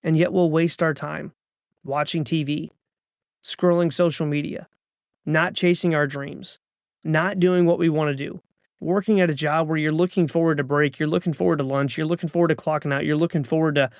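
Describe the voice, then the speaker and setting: A man's voice: a little high, steady tone, normal speed, no echo, studio quality. A man in his thirties hosting a podcast, delivering an earnest motivational monologue with urging, repeated calls to action. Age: 30s. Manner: earnest, urging, repetitive exhortations. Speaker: podcast host.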